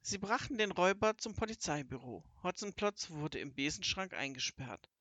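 An audiobook narrator reading a children's story in a lively, expressive way. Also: medium pitch, normal speed, no room sound. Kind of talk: scripted narration of a children's book.

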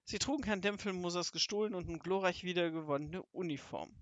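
Expressive children's audiobook narrator. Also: mid-range voice, brisk, no room sound, highs cut off. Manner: lively, expressive storytelling. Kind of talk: scripted narration of a children's book.

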